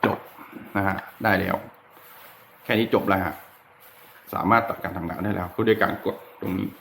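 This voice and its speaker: A man with a low-pitched, creaky yet fairly bright voice and steady tone hosts a DIY guitar electronics tutorial at a moderate pace. An adult with a child, he keeps the hands-on demonstration chatty, informal, and unscripted, with a little hiss or hum in the background.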